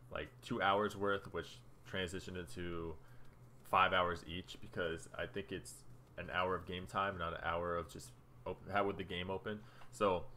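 A young gaming YouTuber with a low, sharp voice chats loosely about his game stats while scrolling through menus. It's casual gameplay commentary with a little background noise.

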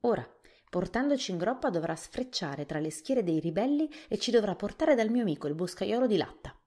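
A woman reading a storybook softly, voicing a thoughtful, worried male scarecrow king. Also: medium pitch, animated, fairly quick, pitched above the performer's own voice, natural voice.

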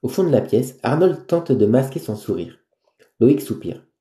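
A man reading a novel aloud, calm and careful, pausing to check spelling. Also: medium pitch. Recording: roomy echo.

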